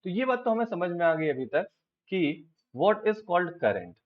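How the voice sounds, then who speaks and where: A man with an Indian accent teaching physics, explaining step by step and asking his students quick check questions. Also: high voice, big pitch swings, narrow, tinny audio. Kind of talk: classroom lecture, Hindi-English mix.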